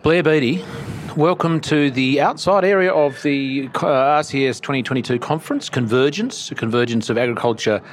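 A man's voice: mid-range voice, moderate pace. An Australian man hosting a casual, joking interview, talking in a slangy, laid-back blokey way like an Aussie tradesman. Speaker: podcast host interviewing at a conference. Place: outside area of a conference venue. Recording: faint outdoor background noise at event.

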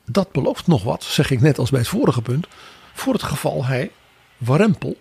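A man co-hosting a political podcast, giving wry, animated commentary. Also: mid-range voice, normal speed, vocal fry, slightly rough, no room sound. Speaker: podcast co-host. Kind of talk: political analysis chat.

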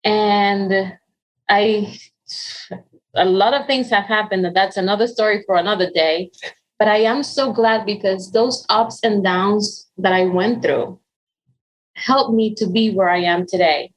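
Speaking a little slowly in a mid-range voice, a woman in her forties from the Dominican Republic recounts her story as an interview guest. She has a Dominican Spanish accent and comes across as earnest, full of ums and restarts in this conversational interview, captured on a rough recording.

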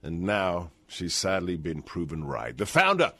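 A man's voice: sits low, huge pitch swings, a little slow, fairly bright tone, dry recording. A man hosting an interview, speaking with a dramatic, rhetorical delivery. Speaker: host.

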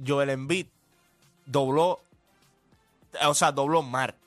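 A man in a casual sports chat, analytical and quick, stammering on restarts. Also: medium pitch, steady tone, soft background music. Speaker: podcast co-host.

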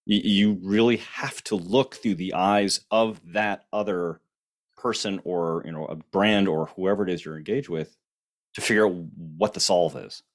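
A man's voice: low-pitched, moderate pace. A man hosting a conversational interview, playful and prone to restarts and fillers. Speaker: podcast host.

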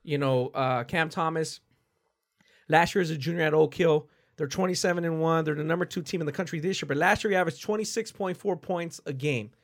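A man with a slightly high voice and a bit of a cough co-hosts a sports podcast. He chimes in with quick agreement and gives animated takes in casual conversation. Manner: quick affirmations, animated opinions. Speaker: podcast co-host.

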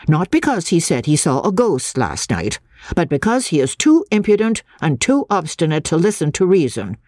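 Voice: mid-range voice, darkish tone, no room sound, studio quality, pitched above the performer's own voice. A reader voicing a stern male village schoolmaster in a storybook, with a harsh, lecturing, threatening manner. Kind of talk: audiobook character voice.

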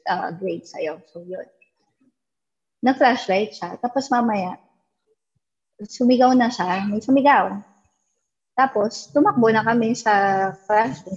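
A woman's voice: medium pitch, slightly rough. A woman telling a ghost story in a casual interview, mixing English into her talk and acting out what people said. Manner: mixes English into Tagalog, acts out quoted dialogue. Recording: dull lo-fi recording.

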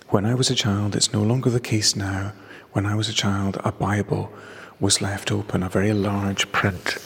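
A man talking reflectively and slowly in a small stone chapel, his voice ringing off the stonework. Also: fairly low pitch, creaky, a bit bright, breathy edge. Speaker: poet and guest. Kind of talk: reflective spoken storytelling. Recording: echoey stone chapel with long reverb.

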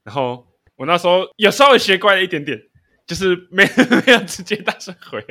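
A man's voice: sits high, big pitch swings, brisk, pushed and bright. A man with a Taiwanese Mandarin accent, co-hosting a casual chat show and telling stories with frequent laughter. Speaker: podcast co-host.

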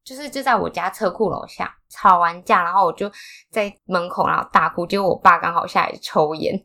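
A woman's voice: fairly low pitch, fairly quick, sharp tone. A young woman with a Taiwanese Mandarin accent, co-hosting a podcast, telling a personal story with feeling and laughing as she goes. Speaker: podcast co-host. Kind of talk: casual chat.

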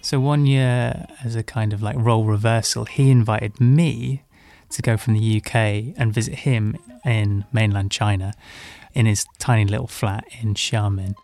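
Young man raised in Hong Kong, low voice, candid self-mocking storyteller, faint music underneath. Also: normal speed. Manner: candid, self-mocking, lively when recalling. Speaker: podcast guest storyteller. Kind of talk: casual personal storytelling.

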